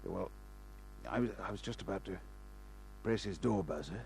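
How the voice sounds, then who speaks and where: In an old radio crime drama, an actor voices a wounded, desperate man on the run, weakly stammering out pleas through his pain. The male voice is low, gravelly and somewhat dark, delivered in a weary, halting way, with a slight hiss or hum on the recording.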